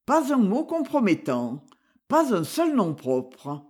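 A reader narrating a detective novel in a measured, expressive way. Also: medium pitch, husky.

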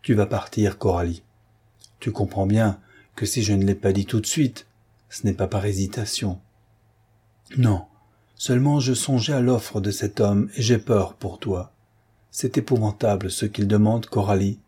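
A man's voice: fairly low pitch, measured pace, mellow, slightly rough. A man reading the part of a young officer, earnest and insistent, in an audiobook. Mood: urgent pleading. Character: young male officer, pleading and urgent.

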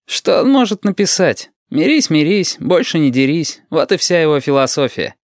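A man's voice: on the high side, big pitch swings, moderate pace, no echo, studio quality, voice pushed up. A man doing a sneering cynical young man. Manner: sneering, mocking.

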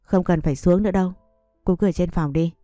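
A woman voicing a stern older mother-in-law who speaks in a sharp, reproachful way. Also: lowish voice, fairly even intonation, fast talker, no room sound, clean studio sound, soft background music, close to an everyday voice. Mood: scolding.

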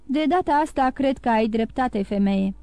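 A woman's voice: a little high, darkish tone, clean tone, no echo, natural voice. A woman voicing a greedy, hesitant middle-aged male innkeeper in an audiobook. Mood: scheming.

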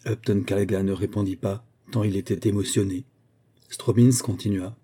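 Dark, husky male audiobook reader. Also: on the low side, steady tone, normal speed. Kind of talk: scripted narration.

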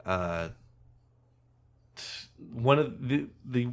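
A man chatting on a podcast, walking through a movie plot in a loose, casual way. He jumps into acted-out lines from the characters and laughs now and then. His voice sits right in an ordinary middle pitch. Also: very slow. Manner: animated retelling with acted-out quotes; laughs often. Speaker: podcast host. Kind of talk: casual movie recap chat.

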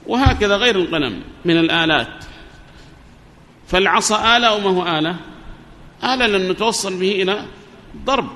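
The teacher here has a high, bright, forceful voice, expressive and a little quick, with frequent pauses. He's explaining an Arabic grammar poem through an amplifier microphone, questioning students and repeating their answers, in a reverberant hall with faint background noise.

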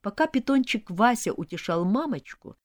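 A woman reading a humorous fantasy story aloud, with ironic, expressive storytelling. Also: a little high, moderate pace, no room sound, studio quality. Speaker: audiobook narrator.

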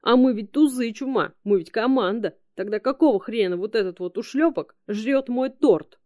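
A woman reading an audiobook voices a hot-headed male raccoon who shouts in indignation. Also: fairly high pitch, moderate pace, lightly acted. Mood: indignant.

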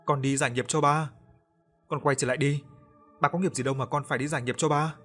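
Brief: loud, raised, grief-stricken old innkeeper, read by a male narrator, storybook telling. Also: fairly high pitch, fairly even intonation, quick pace, soft background music. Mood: anguished. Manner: shouting, anguished. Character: grieving, quick-tempered old male innkeeper.

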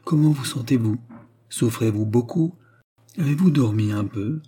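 A soft-spoken, mysterious young woman tending a wounded man, as a male narrator puts her on, low and husky in tone. She speaks tenderly and discreetly, keeping her secrets in a dark, mellow voice. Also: normal speed, lightly acted. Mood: gentle.

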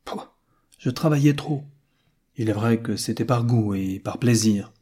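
A man's voice: mid-range voice, unhurried, warm tone, husky. Man reading as an earnest rich American. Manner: plain, earnest.

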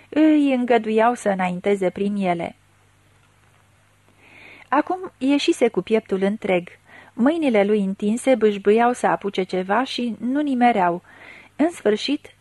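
A woman narrating a literary story aloud in a measured, dramatic reading style. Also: medium pitch, a little mellow, no room sound. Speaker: audiobook narrator.

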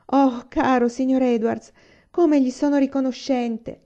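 A woman voicing a gentle, earnest teenage girl in a storybook reading, soft-spoken. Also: sits high, steady tone, a little slow, muffled recording, voice pushed up.

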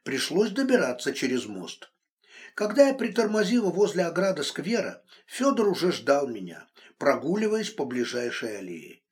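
A man reading a novel aloud as an audiobook narrator, expressive. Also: fairly high pitch, moderate pace. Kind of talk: scripted narration.

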